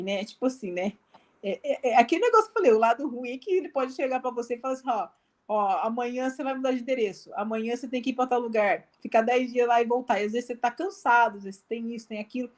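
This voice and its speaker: High-voiced Brazilian woman, chatty. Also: darkish tone. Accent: Brazilian Portuguese. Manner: chatty, many fillers like "né" and "assim", acts out quoted dialogue. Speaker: guest, missionary. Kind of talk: casual testimony in a live video chat. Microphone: video call.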